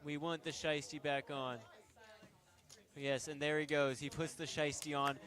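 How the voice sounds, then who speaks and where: A man's voice: fairly high pitch, level tone, a little slow, fairly bright tone. A young man casually commentating a poker game on a stream, joking and rambling with fillers.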